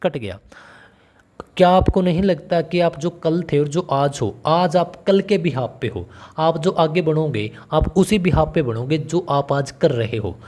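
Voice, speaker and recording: A male tutor talks through a teacher-exam lesson in a chatty way, often calling the listener brother and throwing questions back at them. His voice sits a little high, with a warm, mellow tone. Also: measured pace. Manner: conversational, calls the listener brother and asks questions. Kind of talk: online exam-prep lesson.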